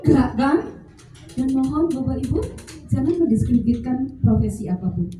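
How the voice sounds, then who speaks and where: A woman's voice: high voice, normal speed. Javanese-accented woman lecturing in a hall. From Central Java. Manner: animated, joking, slips into Javanese phrases. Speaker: workshop speaker for teachers. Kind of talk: lively lecture to an audience. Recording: echoey hall, mic at a distance, faint noise.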